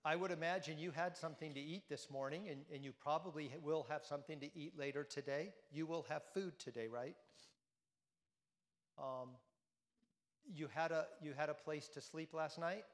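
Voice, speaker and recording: A man's voice: on the high side, steady tone, moderate pace, in a large hall. A man giving a conversational sermon to a congregation, often repeating phrases and asking them questions. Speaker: priest. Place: church.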